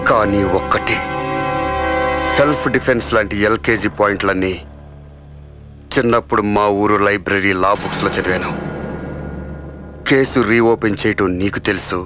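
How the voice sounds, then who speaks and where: A self-assured film director speaks with calm, dry confidence in a fairly low voice, as a man acts him out. A loud film score runs underneath his composed lines. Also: a little slow, long pauses, over loud music, close to an everyday voice. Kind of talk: film acting.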